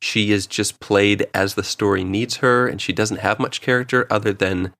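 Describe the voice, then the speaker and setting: Co-hosting a podcast, a man offers his views in a casual, jokey review conversation with anecdotes. His voice is lowish, creaky and fairly bright, with fairly even intonation and a moderate pace. The recording is dry.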